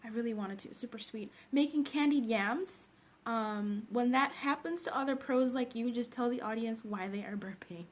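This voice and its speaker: Just out of bed, a Zambian woman hosts a casual livestream, saying hello to viewers by name and laughing a lot. Her voice sits on the high side, and she speaks at a moderate pace.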